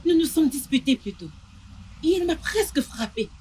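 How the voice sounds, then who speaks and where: A woman's voice: sits high, animated, moderate pace, a little mellow, slight background noise. An actress dubbing a scornful, bossy young woman who mocks and taunts in a film drama. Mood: indignant. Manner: mocking, taunting.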